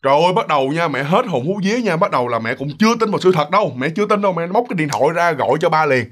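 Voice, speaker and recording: A man's voice: a little high, lively intonation, very fast, a bit bright. A man with a Southern Vietnamese accent telling a ghost story in a casual, chatty way, speaking directly to his listeners and acting out the sounds.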